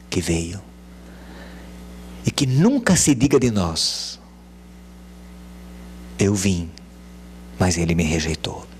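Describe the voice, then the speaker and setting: Male pastor, sermon, animated delivery, dips to whispers, faint hum. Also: on the low side. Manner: animated, swings from hushed to loud calls. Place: church.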